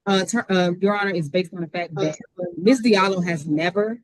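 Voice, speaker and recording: A woman attorney arguing her side in a hearing over a video call, talking fast. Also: on the low side, dry recording, poor audio. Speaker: defense attorney. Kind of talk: courtroom argument.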